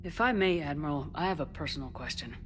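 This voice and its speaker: An actress playing a steady, determined navy commander in a video game, speaking in a terse, controlled way. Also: female voice, low-pitched, fast, slight background noise. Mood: reserved, doubtful. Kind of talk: scripted video game acting.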